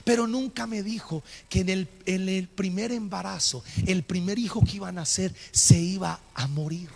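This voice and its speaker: A middle-aged Colombian pastor preaching a sermon, animated and acting out scenes, in an echoing church hall. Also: male voice, high voice, normal speed, creaky.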